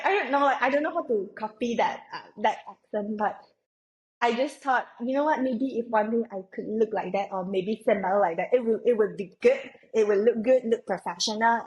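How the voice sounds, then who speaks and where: A young Malaysian woman, appearing as a guest on a podcast, speaks in a medium pitch with a somewhat dark tone. She reflects casually in a casual interview, rambling and using plenty of fillers. The audio quality is poor.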